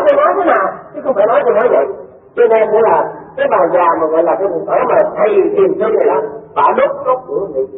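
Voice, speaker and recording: Man, high voice, fast rambling Buddhist talk; tinny lo-fi recording from far off. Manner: rambling, repeats words, addresses listeners. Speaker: Buddhist speaker. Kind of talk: Buddhist dharma talk telling a Zen story. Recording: distant, echoey, phone-like lo-fi with faint noise.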